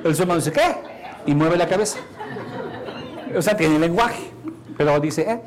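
A man's voice: on the high side, moderate pace, some chatter behind. A man giving a lecture to an audience, asking them questions and acting out the voices he quotes. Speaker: course speaker.

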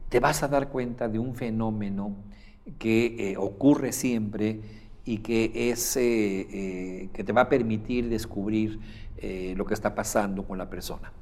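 Male instructor, lowish voice, lecture delivery with filler pauses, demonstrates speaking rhythms and tone. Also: a little mellow. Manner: demonstrates pace and pitch changes while teaching, with frequent "eh" fillers.

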